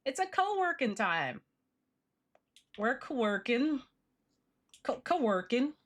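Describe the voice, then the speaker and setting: A woman's voice: fairly high pitch, big pitch swings, slow pace. A woman livestream host chatting casually while she draws, with a cute, bubbly anime-streamer manner and playful, informal slang.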